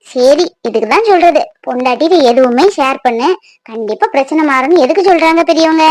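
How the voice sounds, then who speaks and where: Woman as a sweet young cartoon wife, squeaky high voice, dry close studio sound, soothing and patient. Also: a little mellow, no room sound, lightly acted, rough recording. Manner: soothing, coaxing. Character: young devoted wife, gentle and reassuring.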